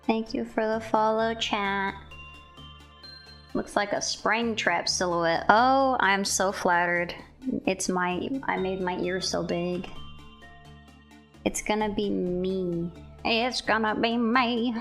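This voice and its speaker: A young woman speaks slowly with a gravelly edge over a livestream headset mic, easygoing and chatty. Faint music hums behind her. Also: medium pitch, fairly bright tone. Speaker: fellow art streamer. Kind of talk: casual chat while drawing on a livestream.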